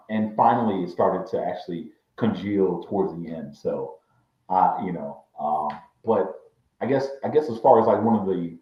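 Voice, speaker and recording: Deep-voiced man, echoey backup mic. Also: expressive, normal speed, highs cut off. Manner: rambling, hesitant, many fillers and restarts. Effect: echoey room sound from a backup mic. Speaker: podcast co-host reviewing a series. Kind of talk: casual chat. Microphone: backup mic after his main mic failed.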